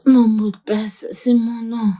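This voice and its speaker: A woman's voice: fairly high pitch, little pitch movement, mellow. An actress playing a confused, stubborn mother who repeats herself and pleads through tears for her son. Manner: halting, repeats herself slowly. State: crying.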